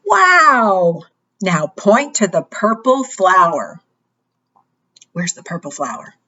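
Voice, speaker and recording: A woman reads to preschoolers in the manner of a kids' show host. Her mid-pitched voice moves slowly and swings widely in pitch, sing-song and coaxing, with questions for her young listeners. The recording sounds slightly dull and lo-fi. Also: sing-song, pushed and bright. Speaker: children's storytime host. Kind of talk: preschool storytime read-aloud with rhymes and counting.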